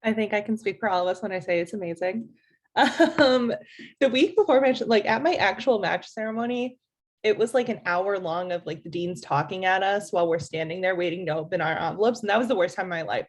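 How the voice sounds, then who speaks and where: A young woman in her twenties from the Chicago suburbs, a panelist telling stories in an animated, laughing way. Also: mid-range voice, fairly quick. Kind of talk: casual chat.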